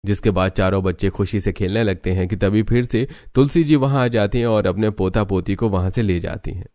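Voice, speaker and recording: A man narrating a cartoon moral story in a steady, matter-of-fact way. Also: on the low side, fairly quick, no echo, studio quality.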